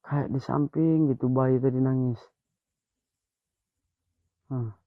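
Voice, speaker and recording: A man's voice: medium pitch, steady tone, slow pace, dry recording. A young man on a night ghost-hunting vlog outdoors among trees, murmuring tense exclamations and prayers. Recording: dull lo-fi audio.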